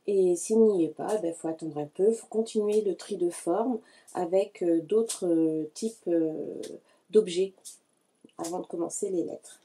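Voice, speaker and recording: A woman calmly explaining a hands-on learning activity to parents, speaking directly to them in a patient tutorial style. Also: fairly low pitch, measured pace, slightly rough. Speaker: early-learning educator.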